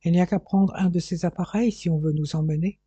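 Man putting on a loud boastful English detective. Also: high-pitched, fairly even intonation, fairly quick, breathy edge, dry recording, muffled recording.

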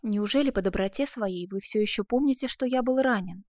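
A woman's voice: mid-range voice, a little fast, a little mellow, dry recording, clean studio sound, close to an everyday voice. A woman reading an audiobook, voicing a shy young man in love who speaks with hesitant, earnest declarations.

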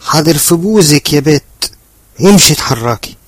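A man's voice: fairly high pitch, animated, normal speed, husky, no room sound, voice pushed up. A man voicing a fat, furious middle-aged woman who scolds and shrieks in an Egyptian accent, in an audiobook. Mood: scolding. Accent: Egyptian Arabic. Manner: shrieking, nagging. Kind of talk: audiobook character voice.

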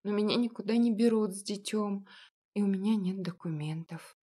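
A woman voicing a shy, frightened young mother in an audiobook, speaking softly and timidly. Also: medium pitch, moderate pace, breathy edge, natural voice. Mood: timid, grateful. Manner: soft and timid. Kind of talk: audiobook reading.

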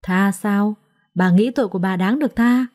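A woman's voice: medium pitch, moderate pace, a little mellow, natural voice. A woman voicing a stern young master who gives curt orders in a storybook reading.

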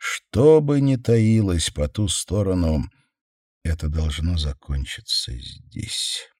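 A man narrating a horror audiobook in a measured, intense way, slowing down on key words. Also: low-pitched, lively intonation, a little mellow, no echo. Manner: measured, intense, with slowed stresses. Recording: dry close studio sound.

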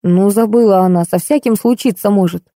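Женщина озвучивает кроткого мягкого мужа. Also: female voice, mid-range voice, warm tone, dry recording, studio quality, close to an everyday voice. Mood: soothing. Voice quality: meek, slow, placating. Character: calm soothing young husband.

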